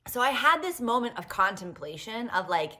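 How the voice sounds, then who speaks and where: A woman's voice: fairly high pitch, sing-song, moderate pace, sharp tone. A woman podcast host telling stories in a casual monologue, profane and self-mocking.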